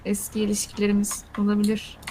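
A woman's voice: medium pitch, completely flat delivery, quick pace, mellow, slight background noise, low-quality recording. A woman playing a role-play game, teasing and scolding the others for their rude talk.

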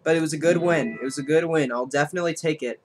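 A man streaming a card game, thinking aloud about his moves and counting damage out loud as he plays. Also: on the high side, fast talker, noisy background. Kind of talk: live gameplay commentary.

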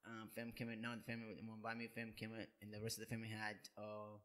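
A young man in his twenties answering interview questions in a halting, hesitant way, often restarting his sentences. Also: fairly low pitch, completely flat delivery, fairly bright tone. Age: 20s. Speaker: guest, job seeker.

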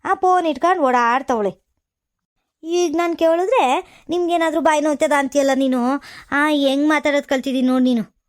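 A woman playing a sharp-tongued older village mother-in-law who scolds and nags with sarcasm, in a comedy skit. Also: high-pitched, brisk, pauses often, natural voice. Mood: scolding.

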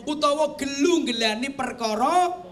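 A man's voice: very high voice, unhurried, crowd noise. A man with a Javanese accent preaching a humorous sermon as kyai, chatting with and teasing his audience. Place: TV studio with audience. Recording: audience noise behind.

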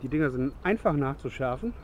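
A man's voice: medium pitch, expressive, brisk, background noise. A man in his thirties casually demonstrating gear outdoors in the woods at dusk, chatty and rambling, correcting himself as he goes, recorded close on a handheld camera. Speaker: bushcraft vlogger.

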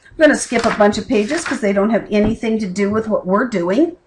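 A woman's voice: mid-range voice, expressive, a little fast, a little hiss or hum, low-quality recording. A middle-aged woman teaching a college class by video from her desk, chatty and plain-spoken, with asides. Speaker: college instructor. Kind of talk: recorded class lesson. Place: home desk with keyboard and lamp. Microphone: camera over the desk.

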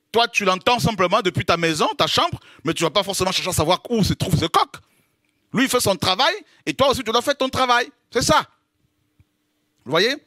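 A man from the French Caribbean preaches an informal sermon in a high voice, humorous and lively, laughing often and acting out little scenes as he teaches. The recording is dry, with clean studio sound.

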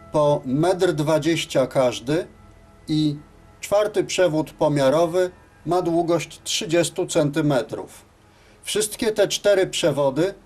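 A man with a fairly high pitch and a darkish tone presents a technical tutorial. His instructional narration is scripted, methodical and matter-of-fact.

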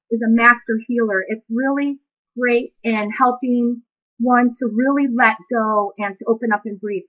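A woman with a bright, high-leaning voice walks through a craft project step by step. She speaks in a calm, reflective, unhurried way, narrating what her hands are doing. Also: low-quality recording. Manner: talks through each step as she works. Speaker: craft demonstrator. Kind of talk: craft demonstration.

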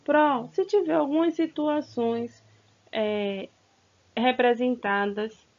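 A school teacher records a grammar lesson for children, drawing out her words and coaxing the kids along with questions. Her voice is fairly high, slow and a little mellow. The sound is slightly dull and lo-fi.

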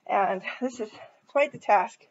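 A woman's voice: medium pitch, unhurried, muffled recording. A woman in her forties talking candidly and rambling in a casual vlog, tired and a little out of breath from moving house. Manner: rambling, candid, self-deprecating. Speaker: vlogger. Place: house being moved out of.

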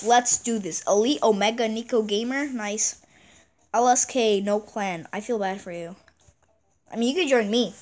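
High-pitched girl narrating her game, super excitable, keeps repeating herself. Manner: excitable, repeats exclamations, restarts words. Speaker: gaming channel host. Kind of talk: casual gameplay commentary.

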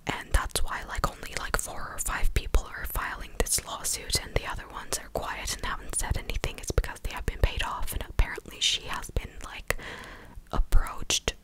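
In poor-quality audio, a young woman murmurs an ASMR recap at normal speed into a large condenser mic on her desk, only inches away, inside a small room at home. Her voiceless whisper stays breathy and conversational, peppered with mouth clicks.

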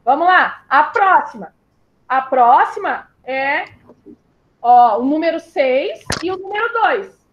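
High-voiced gaúcho teacher on a muffled call. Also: female voice, animated. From southern Brazil. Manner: patient, spells out syllables slowly, calls pupils "my love". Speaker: primary school teacher. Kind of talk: online literacy class for young children.

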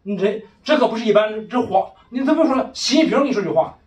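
A man's voice: high-pitched, expressive, fast, a little mellow. A man leading a casual religious discussion as a preacher, emphatic and firing one rhetorical question after another. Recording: echoey room, far from mic.

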